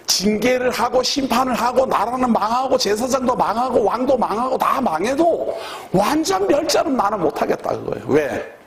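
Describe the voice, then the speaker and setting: A man's voice: extremely high pitch, lively intonation, moderate pace, few pauses. A man preaching a sermon as pastor, emphatic and conversational, repeating key words for stress and putting questions to the congregation.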